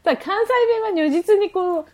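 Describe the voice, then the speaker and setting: A woman's voice: extremely high pitch, brisk, over a noisy crowd. A woman co-hosting a podcast, casually chatting, asking curious questions and nodding along with frequent short replies. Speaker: podcast co-host. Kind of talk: casual chat.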